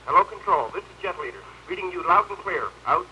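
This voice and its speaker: A man's high, sharply bright voice comes through a pilot's helmet radio, thin and distant. He reels off terse, formal radio procedure at a quick clip. Every call ends in a crisp sign-off. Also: animated, lo-fi sound, slight background noise. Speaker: jet squadron leader.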